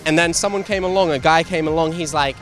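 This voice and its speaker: A young man with a slightly raised voice runs a street interview, upbeat and teasing, with quick follow-ups. He holds a handheld mic on a busy city street. Soft music plays under the traffic. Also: on the high side.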